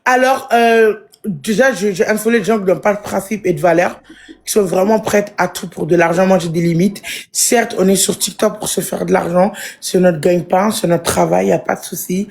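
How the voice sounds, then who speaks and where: A woman's voice: mid-range voice, fairly even intonation, normal speed, vocal fry, a little mellow. A woman streaming live who talks straight to her supporters. She thanks them, rallies them, and explains her principles in an earnest, casual way.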